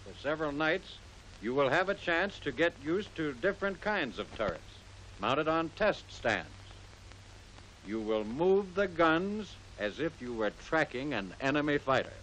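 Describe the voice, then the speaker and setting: A man's voice: on the high side, very animated, a bit bright, low-quality recording. Hissy vintage American male training-film narrator. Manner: formal, instructive, measured phrasing. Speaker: military gunnery instructor. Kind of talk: scripted 1940s-50s newsreel-style training film narration.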